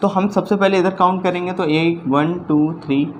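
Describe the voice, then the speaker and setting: A man teaching a math lesson in a slow, deliberate way. He repeats his steps and keeps checking that the viewer is following along. There is faint noise behind his voice. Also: high-pitched, steady tone, darkish tone. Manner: slow, repetitive explaining, often checking understanding.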